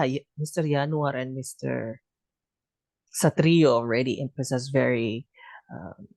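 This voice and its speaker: A man's voice: medium pitch, vocal fry, darkish tone, dry recording. A man talking in a casual online group discussion, rambling with many "you know" fillers and joking asides. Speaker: discussion participant.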